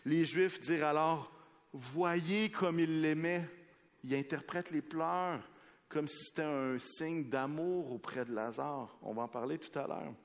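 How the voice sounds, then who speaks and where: A man with a Québécois French accent preaching a sermon, reading scripture slowly and then commenting with rising intensity and light jokes to the congregation. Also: a little high. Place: church hall before a congregation. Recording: long reverb of a large hall.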